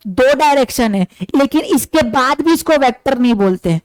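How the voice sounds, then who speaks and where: A man's voice: very high-pitched, animated, moderate pace, clean tone, no room sound, poor audio. Male teacher lecturing, dry close sound. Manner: asks rhetorical questions and answers them himself; often addresses the listeners as dear students. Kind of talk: classroom physics lecture.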